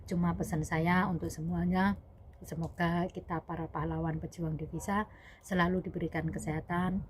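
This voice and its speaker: A woman's voice: lowish voice, level tone, moderate pace, slight background noise. A young woman vlogger, a domestic worker abroad, telling a personal story in a rambling, self-correcting way and addressing viewers as "guys". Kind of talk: casual spoken storytelling.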